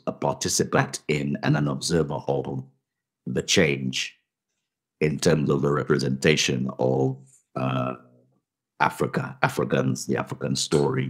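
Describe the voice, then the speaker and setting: A man with a remarkably deep, low voice answers questions on a podcast. He is middle-aged and reflective, often repeating a word or starting over while he searches for the right phrase. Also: husky. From Tanzanian family, grew up in Zimbabwe. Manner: thoughtful, halting, many restarts and repetitions. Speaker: guest actor. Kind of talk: conversational podcast interview.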